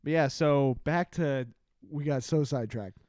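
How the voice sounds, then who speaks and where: A man's voice: fairly high pitch, measured pace, a little mellow, no room sound. A man hosting a casual podcast chat over a video call, teasing his friends and swearing casually. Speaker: podcast host.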